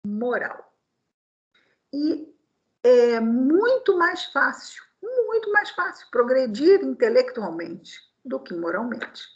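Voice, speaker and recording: A woman's voice: sits high, a bit bright, highs cut off. A Brazilian woman giving a spiritist public talk, acting out quoted voices and asking rhetorical questions. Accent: Brazilian Portuguese. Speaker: spiritist lecturer.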